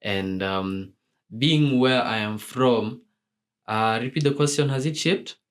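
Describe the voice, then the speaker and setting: A man's voice: medium pitch, slow, clean tone. A young man from Kenya answering radio interview questions about his music, with many fillers and restarts. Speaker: musician guest.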